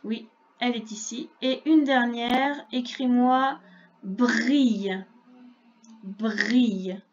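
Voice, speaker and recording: Woman teacher, slow careful reading lesson for little kids, kinda higher voice, dull lo-fi sound. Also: fairly even intonation, a little hiss or hum. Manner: slow, clear and patient, spelling sounds out. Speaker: primary school teacher. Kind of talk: recorded reading lesson for young children.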